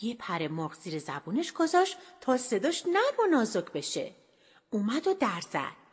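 Expressive woman narrating a children's story. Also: on the high side, breathy edge. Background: music.

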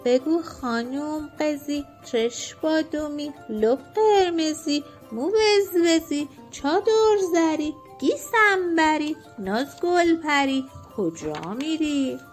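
Woman playing a female cockroach, storybook, vain, haughty, singsong, high voice, faint music. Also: expressive. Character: prim vain female cockroach, young bride-to-be.

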